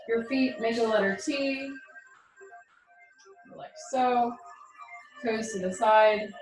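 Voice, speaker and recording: A woman leading a tai chi class, giving spoken movement cues in an encouraging, reassuring and informal way. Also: on the high side. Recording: roomy echo, music behind.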